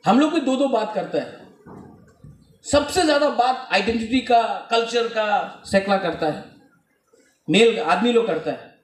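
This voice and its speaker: Man, high voice; exhorting speech to students; recorded from a distance in an echoing hall. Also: unhurried, pauses often. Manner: exhorting, rhetorical questions to the crowd. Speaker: guest speaker at a student event. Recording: echoey hall, speaker off-mic.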